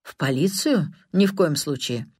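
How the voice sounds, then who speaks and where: A woman reading an audiobook, voicing a calm, authoritative middle-aged man who speaks curtly and dismissively in a lowered voice. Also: normal speed, slightly rough, no room sound, clean studio sound. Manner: curt, dismissive.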